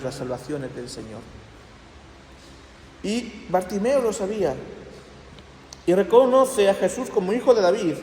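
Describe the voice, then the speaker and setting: A pastor preaching with earnest conviction, his voice sitting a little high for a man. He sinks into hushed prayer tones, then lifts again to press a point. The sound rings through a roomy church hall with a long tail of reverb. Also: slight background noise. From Spain. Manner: earnest, drops to soft hushed prayer tones, rises when stressing points. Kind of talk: sermon. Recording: echoey church hall, slightly distant.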